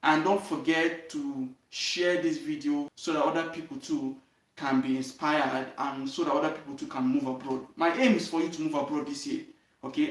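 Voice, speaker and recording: A young Nigerian man with a Nigerian accent, hosting his channel and earnestly telling his life story, often checking in with "you understand?". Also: fairly high pitch. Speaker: channel host. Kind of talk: direct-to-camera life story talk. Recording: roomy echo, voice from a distance.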